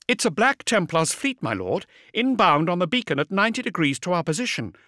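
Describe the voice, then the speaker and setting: A man voicing a brisk female communications officer on a warship bridge, giving clipped technical reports in a raised voice. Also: sits high, big pitch swings, bright, forceful tone, dry recording, studio quality, voice pushed up, full character voice. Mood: brisk reporting.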